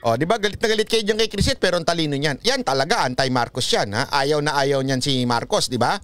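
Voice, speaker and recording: A man's voice: on the high side, fast talker, fairly bright tone. A man from the Philippines giving opinionated political commentary in a vlog, mocking and lecturing, chuckling often and switching into English. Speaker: political vlogger.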